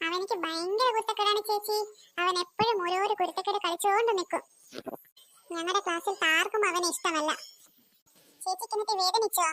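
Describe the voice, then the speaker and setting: A woman voicing a timid young boy in a cartoon, the younger brother, with a high squeaky child voice and a whiny, easily scared manner. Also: fairly even intonation, fairly quick, bright, forceful tone, dry recording. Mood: chatty. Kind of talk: cartoon voice acting.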